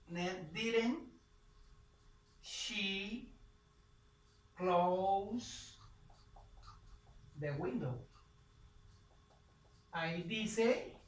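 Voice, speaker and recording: A woman's voice: mid-range voice, fairly bright tone. A woman teaching English grammar, explaining step by step and drawing out the example sentences. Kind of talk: slow whiteboard grammar lesson. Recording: echoey room from far off.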